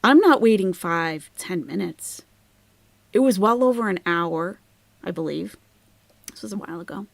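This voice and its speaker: A woman hosting a casual livestream and telling a story, animated, laughing often and acting out the people she quotes. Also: mid-range voice, moderate pace, creaky, pauses often, no room sound. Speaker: channel host telling a story.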